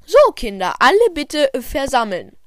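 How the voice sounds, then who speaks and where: A woman's voice: sits high, wildly swooping pitch, measured pace, no echo, studio quality, voice pushed up, full character voice. A woman voicing a fussy female teacher in a hobby audio drama, scolding and exasperated. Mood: bossy. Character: fussy female teacher herding unruly kids.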